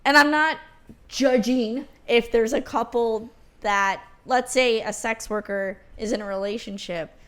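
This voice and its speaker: Bright-voiced, teasing young woman. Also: fairly high pitch, steady tone, measured pace. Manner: teasing, opinionated, laughs often. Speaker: podcast co-host. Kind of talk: casual chat.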